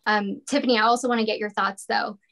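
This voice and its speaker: A woman's voice: mid-range voice, fairly even intonation, quick pace, fairly bright tone. A woman moderating a panel discussion, talking conversationally and turning the talk to others with questions. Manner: conversational, asks follow-up questions.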